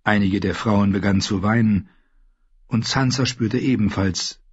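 A man narrating a fantasy audiobook in a scripted, expressive way. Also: on the low side, measured pace, slightly rough, no room sound. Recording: slightly dull lo-fi audio.

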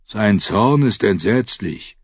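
A man's voice: lowish voice, expressive, slow, breathy edge, no room sound, muffled recording, exaggerated voice. A man voicing a huge, proud clansman who talks bluntly about himself in the third person. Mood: grumbling.

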